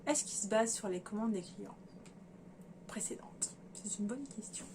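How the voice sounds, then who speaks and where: In a whisper, a woman talks her viewers through fabrics on a sewing vlog, chatty and hesitant with many fillers as she thinks aloud. Her voice is medium-pitched and a little mellow, at a moderate pace.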